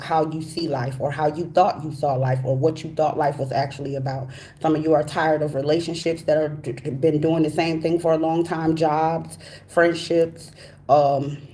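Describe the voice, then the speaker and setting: Low, mellow woman talking through braces. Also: slight background noise. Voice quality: slightly impeded speech from wearing braces. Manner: informal, folksy, direct address to viewers. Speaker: tarot reader, host of a live reading. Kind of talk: casual chatty live tarot reading.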